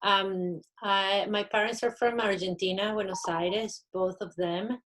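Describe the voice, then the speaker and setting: A woman's voice: mid-range voice, fairly even intonation, measured pace. A middle-aged woman from Venezuela, telling her story as a panelist. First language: Spanish. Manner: reflective, personal storytelling. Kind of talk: panel discussion.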